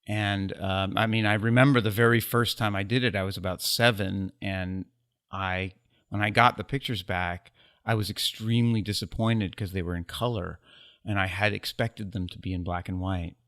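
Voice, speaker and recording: With a fairly low, steady and slightly bright voice, a U.S. photographer talks as a guest in a relaxed interview. He is reflective and wry, poking fun at himself, and fills pauses with ums.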